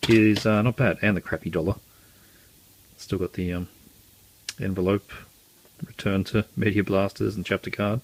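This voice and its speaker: A man's voice: deep voice, gravelly, noisy background. A man showing off his collection in a casual, rambling way, full of ums and uhs and wry, self-mocking asides. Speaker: collector vlogger. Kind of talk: casual show-and-tell.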